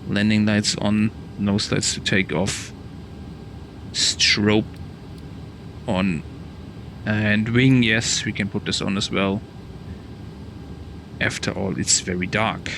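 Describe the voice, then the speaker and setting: A man's voice: lowish voice, slow pace, vocal fry, long pauses. A man giving casual game commentary as a flight sim pilot, thinking aloud and muttering through his steps. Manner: muttering to self through checklist steps, exclaiming mildly. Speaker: flight simulator streamer playing the pilot. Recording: steady noisy cockpit ambience behind. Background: simulated aircraft cockpit hum.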